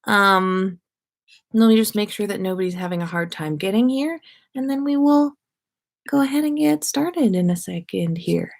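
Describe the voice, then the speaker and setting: Greeting listeners and chatting loosely, this livestream host and podcaster speaks at a moderate pace in a mid-range, gravelly voice.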